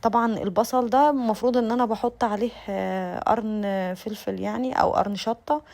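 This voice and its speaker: A woman's voice: on the high side, fairly even intonation, fairly quick, gravelly, darkish tone. A young adult Egyptian woman with an Egyptian Arabic accent, chatting casually in voice-over as a lifestyle vlogger, speaking straight to her viewers with many restarts. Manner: chatty, addresses viewers directly, frequent restarts.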